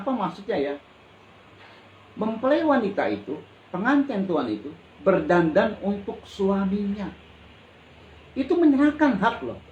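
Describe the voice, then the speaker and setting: A man's voice: high-pitched, a little mellow, dull audio. Colloquial preaching man in an echoey church. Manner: conversational preaching, often addressing listeners as brothers and sisters; colloquial, with frequent exclamations and repetition. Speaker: pastor. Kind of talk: sermon. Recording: echoey hall with faint ambient noise.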